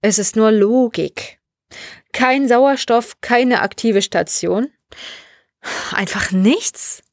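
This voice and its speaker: A woman voices a gruff old spaceship commander in this storybook reading, slow, flat and curt, laying out cold logic. The recording is dry and close. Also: medium pitch, no room sound, lightly acted. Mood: skeptical. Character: grumpy old male ship commander, gruff.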